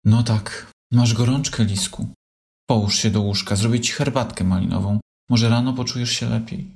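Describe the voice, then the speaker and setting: A man's voice: mid-range voice, sing-song, moderate pace, voice pushed up. A man voicing a caring, anxious mother fox who fusses and scolds. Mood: worried. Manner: worried, fussing.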